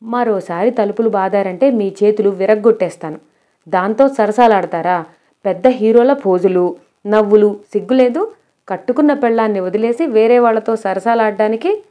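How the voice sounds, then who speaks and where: A woman's voice: mid-range voice, moderate pace, warm tone, natural voice. A woman voicing a furious young wife who scolds her husband indignantly in an audiobook story. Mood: angry scolding.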